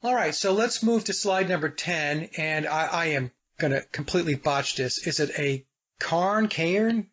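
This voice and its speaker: A man from the United States hosting a podcast, speaking deliberately, guiding the talk and addressing his listeners directly. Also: a little high, fairly bright tone. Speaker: podcast host. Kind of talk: casual podcast interview. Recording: dull lo-fi audio.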